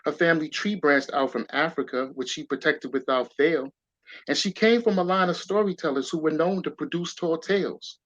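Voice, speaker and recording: Reading verse from his own rhyming children's book, a male guest author speaks a little high and at normal speed, with no echo. He gives it a rhythmic storyteller's lilt and lively emphasis, though the audio is dull and lo-fi.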